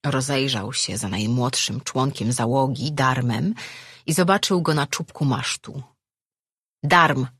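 A narrator reading a fantasy novel aloud in a steady storytelling manner. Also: mid-range voice, unhurried, slightly rough, no room sound, clean studio sound. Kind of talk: audiobook narration.

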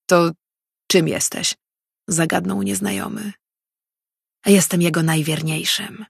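A woman reading a fantasy audiobook in steady scripted narration. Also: lowish voice, vocal fry, husky, no room sound, studio quality.

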